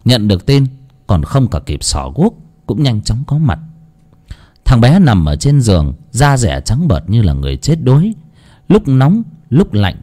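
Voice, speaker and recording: A man narrating a scripted village horror tale in a slow, dramatic way. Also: fairly low pitch, mellow.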